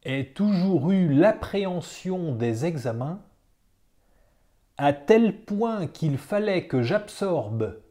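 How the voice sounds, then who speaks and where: Very slow, deliberate dictation reader. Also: medium pitch, animated, dark tone. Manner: slow, deliberate phrasing, repeats each phrase and announces punctuation. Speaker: dictation teacher. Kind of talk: reading a dictation aloud.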